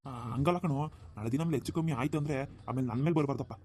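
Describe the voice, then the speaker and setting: A man's voice: medium pitch, rapid-fire, dark tone, slight background noise, close to an everyday voice. A man voicing a nosy, pushy village drinking buddy in a cartoon. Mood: prodding. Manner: prodding, nosy. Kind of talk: cartoon dubbing.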